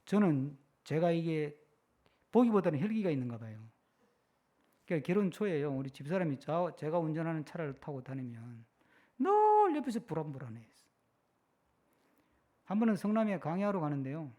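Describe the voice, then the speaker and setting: Animated high-voiced preacher. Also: male voice, moderate pace, pauses often, dull audio. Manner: animated, keeps asking the congregation "yes?". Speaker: pastor. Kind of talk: sermon.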